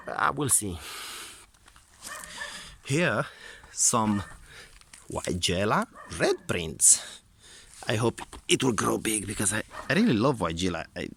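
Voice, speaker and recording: A man's voice: lowish voice, a bit bright. A man giving a casual, unscripted garden tour outdoors, hesitant and often repeating his words as he goes. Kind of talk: casual unscripted vlog narration. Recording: clear background noise outdoors.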